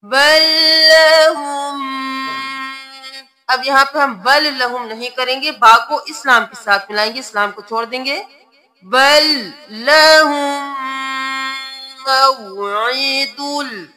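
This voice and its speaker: A woman with a high voice teaches recitation at an unhurried pace. She spells out letters and vowel marks step by step, then chants each word in a drawn-out way. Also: noisy background.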